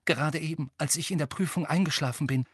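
A man voicing a desperate teenage boy who urges his friends on with loud, urgent outbursts. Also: a little high, fast, husky, no room sound, clean studio sound, pitched above the performer's own voice. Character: frantic teenage boy wizard, desperate and shouting.

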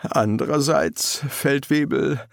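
A man's voice: mid-range voice, slow, creaky, no room sound, clean studio sound, voice pushed up. A man voicing a polite, fussy young army lieutenant who talks in a formal, courteous, chatty way, in a German audiobook. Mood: prim.

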